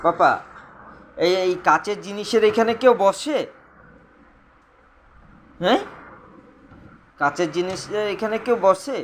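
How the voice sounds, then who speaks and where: A man's voice: high voice, animated, slow, long pauses, fairly bright tone, a little hiss or hum. A man at home talking to his toddler in coaxing, sing-song baby talk, full of playful exclamations. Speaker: father filming his toddler. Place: at home indoors.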